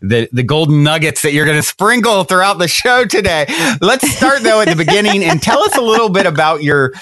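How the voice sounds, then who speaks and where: A man's voice: sits high, fairly quick, no room sound. Easygoing male podcast host, dry sound. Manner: relaxed, filler-heavy, enthusiastic. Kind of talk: casual interview talk.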